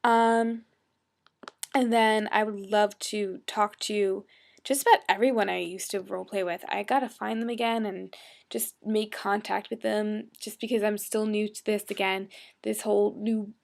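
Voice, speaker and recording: A woman's voice: mid-range voice, steady tone, normal speed, gravelly. A woman in her twenties chatting casually in a webcam vlog, talking in a hyper, bubbly way and dropping into whispered asides. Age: 20s. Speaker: role-play blogger.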